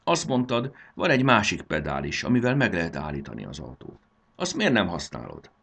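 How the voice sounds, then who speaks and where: A man reading aloud and voicing a young fairy girl who is bossy, lively and urgent. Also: low voice, gravelly, slightly rough, exaggerated voice. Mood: puzzled.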